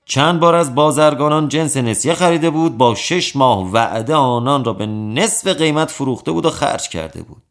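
A man reading an old folk tale aloud as storyteller, in a steady, even storytelling voice. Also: mid-range voice, faint music behind.

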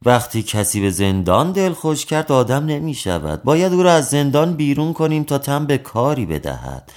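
A man voicing a stern, reasoning city judge in a storybook tale, with measured, firm pronouncements. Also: medium pitch, sing-song, a little mellow, natural voice.

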